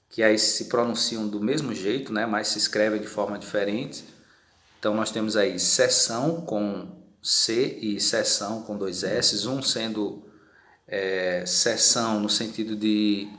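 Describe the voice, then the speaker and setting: A man's voice: lowish voice, fairly bright tone. A man, teaching a recorded grammar lesson. He explains patiently, often adds tag questions and draws out words when he gives examples. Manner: drawn-out, slowed words when giving examples. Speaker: Portuguese teacher. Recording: echoey room.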